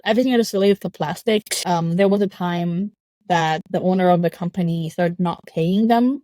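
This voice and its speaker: Young woman from Lebanon, mellow warm tone, dry close sound, reflective, laughs between phrases. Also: on the low side, normal speed, no echo. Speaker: guest. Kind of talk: casual interview chat. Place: home.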